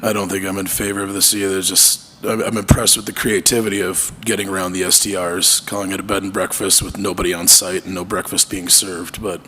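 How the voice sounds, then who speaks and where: A man on a council who has lost his voice speaks hoarsely and keeps things short. His voice is low but has a sharp edge. Faint room noise sits underneath. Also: flat delivery, brisk, few pauses, long reverb tail. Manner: apologetic, tries to keep it short. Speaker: city council member.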